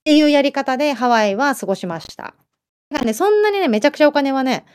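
Woman, Kyushu accent, casual stream host, chatty, fairly high voice, very animated. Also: fast talker. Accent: Kyushu Japanese. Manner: lively, chatty, laughs often. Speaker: livestream host reading viewer comments. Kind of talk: casual chat.

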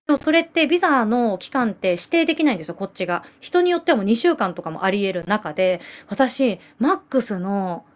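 A woman's voice: medium pitch, a little fast, hardly any pauses. A woman in her late thirties from Japan, with a Nagasaki island accent, chatting casually on a livestream, reading viewer comments and telling stories with giggles. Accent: Nagasaki island dialect. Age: late 30s. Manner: chatty, giggly, animated storytelling. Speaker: livestream host.

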